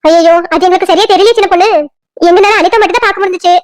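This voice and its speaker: Woman voicing a village mother, cartoon, Kanyakumari Tamil accent, brisk and scolding, extremely fast talk. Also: very high-pitched, no echo, studio quality.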